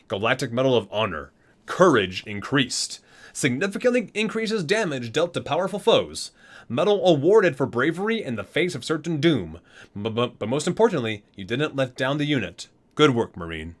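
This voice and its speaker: A video host with a medium-pitched, slightly bright voice reads aloud from a game book for an ASMR video. He mixes the scripted lines with casual asides, and his reading is halting, with frequent stumbles, repetitions, and self-corrections.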